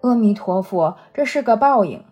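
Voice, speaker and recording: Woman doing a playful bold servant girl, breathy, storybook reading. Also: mid-range voice, animated, normal speed, darkish tone, soft background music. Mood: cheeky. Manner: playful, cheeky banter. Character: cheeky young maidservant, playful and bold.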